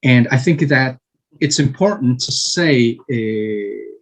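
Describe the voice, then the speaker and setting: Guest in his fifties, from Chile; slow, halting answers, middle pitch. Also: expressive, low-quality recording. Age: 50s. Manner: slow, halting, many fillers and restarts. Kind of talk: interview answers.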